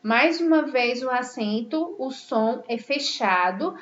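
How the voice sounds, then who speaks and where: A woman's voice: high voice, expressive, slow. A woman teacher from Brazil, giving a patient grammar lesson and stressing each example word. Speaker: Portuguese teacher. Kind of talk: classroom lesson explanation. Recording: echoey room, slightly dull sound.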